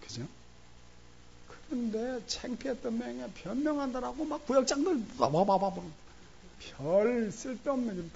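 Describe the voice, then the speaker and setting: Lively preaching man in church. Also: very high-pitched, a little slow, vocal fry, muffled recording. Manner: animated storytelling, acting out church members' voices. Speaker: pastor. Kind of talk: sermon. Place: church sanctuary during Sunday service.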